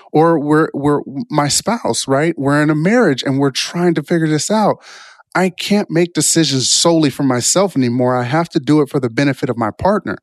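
A man with a voice on the high side, recorded with no echo, talks informally as a motivational speaker. Past his college years, he reflects and rambles through personal stories self-help style, repeatedly checking in with a questioning "right?"

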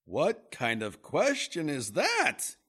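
A man's voice: fairly high pitch, huge pitch swings, slow, pushed and bright, breathy edge, full character voice. An actor playing an earnest, plaintive man convinced he is Santa Claus, in a comic radio drama. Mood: defensive, earnest.

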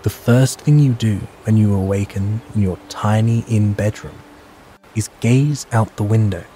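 Slow, mellow male sleep story narrator. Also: fairly low pitch, slight background noise. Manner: calm, measured, hushed guiding delivery.

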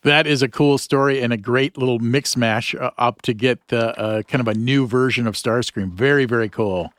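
A man's voice: mid-range voice, normal speed, a bit bright, dry recording, clean studio sound. Chatty enthusiastic male host. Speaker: podcast host, voice actor. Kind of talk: casual interview talk.

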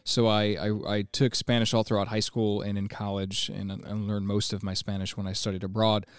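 An American ESL teacher in his twenties answers as an interview guest, enthusiastic and explanatory in a conversational way. His voice is on the low side, clear and resonant, with a flat delivery at normal speed, and the recording is dry and studio quality.

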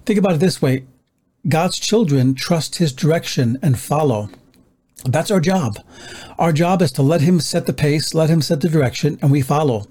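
A man preaching with a husky, mellow voice that sits a little high for a man. His delivery is measured and earnest as he walks through scripture. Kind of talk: sermon.

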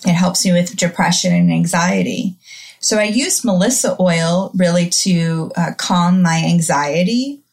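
A woman with a Midwestern accent talks in a gentle, earnest way. Her voice sits a little low, and she lays out each idea with calm, steady explanation in a casual chat. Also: unhurried, vocal fry. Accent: Midwestern American.

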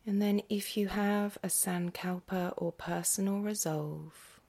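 A woman guides a yoga nidra meditation in a hushed, soothing way, speaking very slowly with long pauses. Her mid-range voice is breathy and husky, often near a whisper, with fairly even intonation, and her manner is gentle and unhurried.

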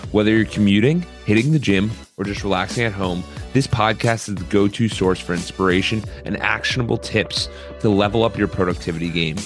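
A man hosting a podcast, reading an energetic intro and then asking casual interview questions. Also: lowish voice, brisk, hardly any pauses, faint music behind. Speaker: podcast host.

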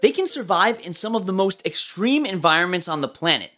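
This is a nature documentary style narration from an educational presenter with a very animated, mid-range voice. The delivery is explanatory and informal, speaking straight to the listener, with plenty of movement in the intonation. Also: medium pitch, a little fast, faint music behind.

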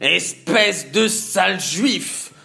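A man's voice: very high voice, animated, slow pace, soft background music, pitched above the performer's own voice, full character voice. A man voicing a proud, furious villainous prime minister in a children's story. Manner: shouting, sneering, gloating.

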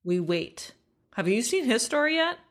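A woman's voice: fairly high pitch, very animated, normal speed, a bit bright. A woman co-hosting a podcast in casual, comedic chat, earnest and playful, often asking questions. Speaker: podcast co-host.

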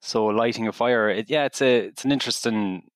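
A man's voice: mid-range voice, brisk, no room sound, clean studio sound. A man in his thirties with a western Irish accent, chatting casually and reflectively as a podcast co-host. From County Mayo, Ireland. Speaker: guest co-host, primary teacher.

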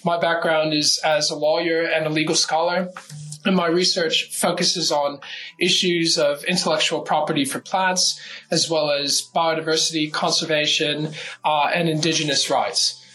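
Man, podcast guest, bright tone, fairly high pitch, methodical explainer, frequent fillers. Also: level tone, normal speed, poor audio. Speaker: guest legal researcher. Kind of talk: explanatory interview answers.

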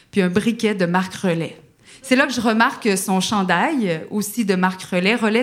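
A young woman with a Quebec French accent, from the Outaouais region, tells her own story aloud. She is lively and self-mocking, and acts out the things she said along the way. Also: mid-range voice. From Quebec, Canada. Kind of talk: personal storytelling.

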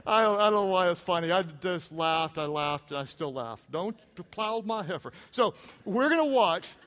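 A man's voice: high-pitched, a bit bright, clean tone, long reverb tail. A man preaching a sermon, retelling a Bible story with humor and emphatic asides. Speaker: pastor.

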